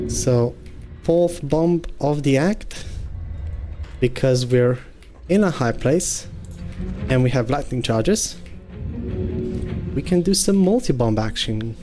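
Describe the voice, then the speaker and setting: A man hosting a gaming channel, calmly thinking aloud through his tactics as let's-play commentary. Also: medium pitch. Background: game music.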